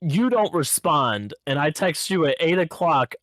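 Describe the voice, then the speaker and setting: A man co-hosting a podcast in casual chat, telling stories in an easygoing, teasing way with halting restarts. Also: fairly high pitch, lively intonation, a bit bright, no room sound, clean studio sound. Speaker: podcast co-host.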